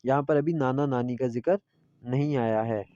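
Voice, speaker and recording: A man's voice: medium pitch, mellow, dry recording. Man teaching Persian, muffled recording. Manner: reads Persian phrases slowly, then explains them in Urdu. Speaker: language teacher. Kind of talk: classroom lesson explanation.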